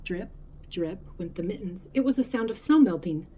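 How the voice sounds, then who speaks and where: A woman reading a picture book aloud in an expressive way, whispering and playing up the sound words. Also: fairly low pitch, normal speed, slightly rough. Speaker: storybook reader.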